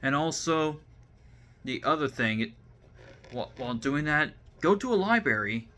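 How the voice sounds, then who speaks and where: A man's voice: fairly high pitch, lively intonation, normal speed, bright, forceful tone. A young man with a Southern US accent hosting his own video series, talking casually to camera and often stopping to repeat and restart his words. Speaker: vlog host.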